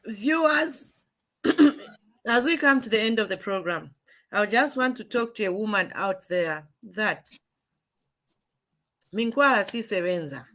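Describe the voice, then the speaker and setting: Show host, woman, bright tense voice, talks straight to viewers. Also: medium pitch, animated, slow, long pauses. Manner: addresses viewers directly, mixing in local words. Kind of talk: hosting a call-in discussion.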